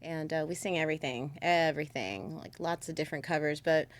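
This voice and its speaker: A woman's voice: low-pitched, flat delivery, fast. A middle-aged woman, a singer, chatting as a podcast guest in a studio, easygoing and teasing. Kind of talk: casual podcast chat.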